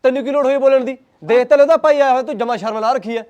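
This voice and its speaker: Man playing a quick-talking Punjabi husband. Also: on the high side, a little mellow, dull audio, lightly acted. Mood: heated. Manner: heated, arguing. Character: young husband standing up to his mother. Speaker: son and husband. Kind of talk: acted family drama.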